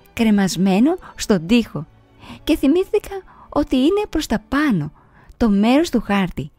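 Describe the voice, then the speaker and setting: Woman, storybook narration, lively melodic reading, mellow dark tone, dry close sound, faint music behind. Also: medium pitch, no echo. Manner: expressive, storytelling delivery. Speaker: audiobook reader.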